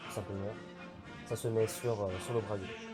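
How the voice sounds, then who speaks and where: A man's voice: fairly low pitch, little pitch movement, moderate pace. Hesitant man unboxing, music behind. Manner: hesitant, many "euh" fillers. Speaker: YouTuber unboxing militaria. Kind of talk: casual unboxing vlog. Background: background music.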